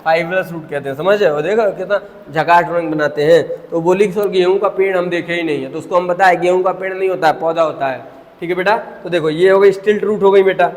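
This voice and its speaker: Chatty biology teacher in echoey room. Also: male voice, fairly high pitch. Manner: chatty, jokey, calls students beta. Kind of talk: classroom lecture. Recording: reverberant classroom.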